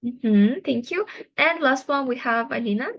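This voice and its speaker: Slightly high-voiced woman teacher, patient, encouraging feedback. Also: no echo, muffled recording. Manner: patient, encouraging, explains slowly. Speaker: English speaking teacher. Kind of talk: online class feedback.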